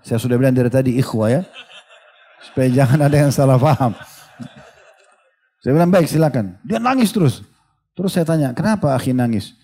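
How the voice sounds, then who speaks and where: A man's voice: a little high, mellow, slightly rough. A middle-aged man preaching in a religious study lecture, telling stories with quoted dialogue in a conversational way. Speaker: Islamic preacher.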